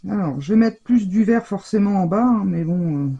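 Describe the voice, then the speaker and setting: A woman's voice: mid-range voice, expressive, normal speed, creaky, mellow, breathy edge, muffled recording. A woman giving a casual scrapbooking tutorial at home, chatty and hesitant, with many fillers and stumbles over English product names. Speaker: scrapbooking crafter demonstrating.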